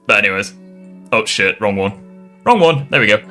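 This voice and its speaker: A man on his own channel rebutting critics in casual, profane commentary. His voice sits a bit low but has a bright, forceful edge. Faint music plays beneath. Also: animated, moderate pace. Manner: irreverent, swears, rambling asides. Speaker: YouTuber responding to critics.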